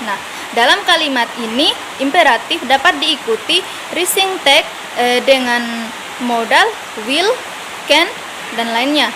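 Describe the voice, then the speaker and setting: A woman's voice: high-pitched, unhurried, long pauses. A young woman student explaining English question tags in a class video, hesitant with frequent fillers and restarts. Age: young adult. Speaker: student presenter. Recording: loud steady hiss behind voice.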